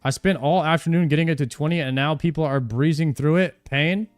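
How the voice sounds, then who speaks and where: A young man on a live stream, talking through his game in a loose, joking way, stumbling and repeating words as he goes. His voice sits a little high and sounds dry and close. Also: a little fast, dry recording, faint music behind. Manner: chatty, joking, repeats himself mid-sentence. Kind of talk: casual live-stream commentary while playing.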